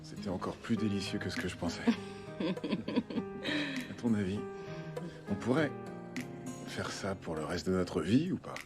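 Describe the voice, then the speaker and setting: Un acteur jouant un cuisinier sûr de lui, tantôt chef tantôt amant, au parler familier et direct. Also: male voice, on the low side, huge pitch swings, a little slow, long pauses. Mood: tender, teasing. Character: confident restaurant cook, bossy at work, tender lover. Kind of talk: French-language acted film or series dialogue. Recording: music behind the dialogue.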